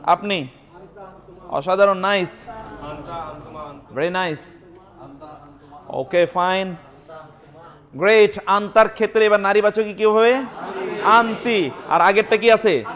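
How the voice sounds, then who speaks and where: A man's voice: sits high, steady tone, slow, long pauses, a bit bright. A man teaching Arabic grammar to a class, with a Bangladeshi Bengali accent, quizzing his students and drilling words aloud with them.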